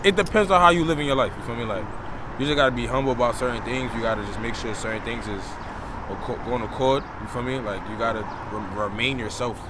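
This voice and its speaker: A man's voice: medium pitch, quick pace. Slangy young man from Brooklyn, street noise. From Brooklyn, New York. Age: 20s. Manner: loose, slangy, rambling storyteller. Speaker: DJ and party promoter, interview guest. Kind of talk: casual street interview.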